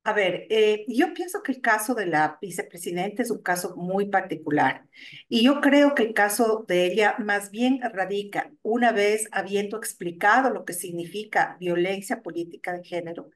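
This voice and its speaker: A middle-aged woman, an organization's director, explaining her views in a radio interview, pausing and restarting often as she thinks. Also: mid-range voice. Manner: thoughtful, many hesitations and restarts. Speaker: guest, NGO executive director.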